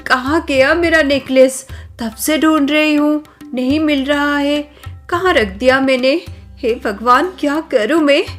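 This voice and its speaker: A woman's voice: high-pitched, slow pace, soft background music. A woman voicing a naive, kind young wife who grows flustered, in a cartoon story. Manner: trusting, flustered.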